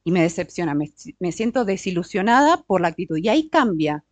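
A middle-aged woman teaching a workshop on marriage and emotions, often checking in with her listeners with short questions and slowing down on key words. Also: fairly low pitch, very animated, dry recording. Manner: slows down to stress key words. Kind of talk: teaching talk with audience interaction.

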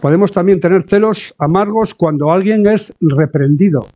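A man's voice: sits high, moderate pace, mellow. A man giving a conversational church sermon, often adding tag questions and acting out quoted voices. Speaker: preacher. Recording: dull lo-fi sound.

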